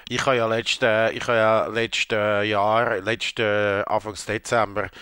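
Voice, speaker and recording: This is a man with a Swiss German accent chatting casually as a podcast co-host, and his voice sounds bright and forceful. He jokes, rambles through his anecdotes and laughs loudly at them. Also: fairly low pitch, flat delivery, slow, clear, resonant tone. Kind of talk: casual chat.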